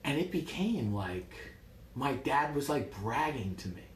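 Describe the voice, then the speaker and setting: Wry, animated man telling stories. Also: medium pitch, a little slow, roomy sound. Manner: lively, wry, animated storytelling. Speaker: martial arts coach. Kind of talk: casual storytelling.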